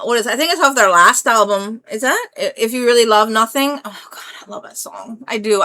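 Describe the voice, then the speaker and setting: A woman's voice: mid-range voice, pushed and bright. A woman, rambling through a brash, profane, casual vlog monologue. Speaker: vlogger.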